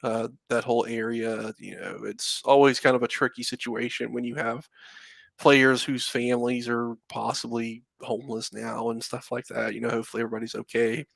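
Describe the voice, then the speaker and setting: Casting: gravelly-voiced man in his thirties, casual podcast co-host, rambling chatty delivery, dry close sound. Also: medium pitch, level tone, normal speed, fairly bright tone, dry recording. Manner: rambling, conversational, many fillers and asides. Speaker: podcast co-host, Florida fan. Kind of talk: casual sports chat.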